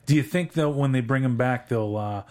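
A man's voice: medium pitch, moderate pace, a little mellow. A man with an American accent hosting casual sports talk in a rambling, hesitant way. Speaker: sports podcast host.

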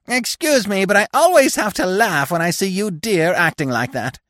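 A man voicing a cheerful woodpecker that laughs and teases from a tree in a storybook reading, in a high, strained voice. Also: expressive, moderate pace, a bit bright, dry recording, studio quality. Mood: amused. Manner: teasing, laughing.

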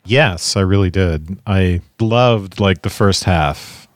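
A man with a very low, deep voice talks through his thoughts on films in a relaxed podcast chat, circling back and restarting as he goes. The sound is close and dry, with no room around it. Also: slow, no room sound. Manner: musing, thinks aloud with restarts. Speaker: podcast co-host. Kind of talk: casual chat about films.

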